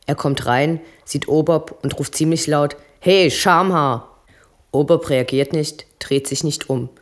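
A reader narrating a crime novel in an even, conversational manner. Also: mid-range voice. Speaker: audiobook reader. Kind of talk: reading fiction aloud.

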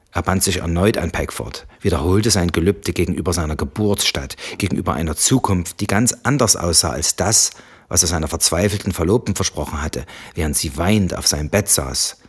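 A man narrates an audiobook in a calm, even storytelling voice. His tone sits low and a little husky, steady from line to line. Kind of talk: scripted narration.

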